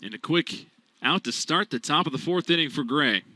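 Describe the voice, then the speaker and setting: At a moderate pace, a man handles radio play-by-play of a college baseball game, calm between pitches and loud on the big moments. There's no room sound.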